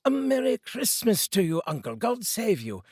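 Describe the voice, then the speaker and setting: A man plays an earnest, good-hearted young nephew from a storybook. His voice is pitched up high and swoops about, cheerful and pleading, with a slightly husky edge. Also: big pitch swings, normal speed, darkish tone, dry recording, studio quality. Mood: merry. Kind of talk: dramatised storybook reading.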